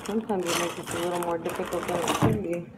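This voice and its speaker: A woman's voice: lowish voice, fairly even intonation, fast, very noisy. A woman, a mom hosting a family vlog, chatting and teasing casually.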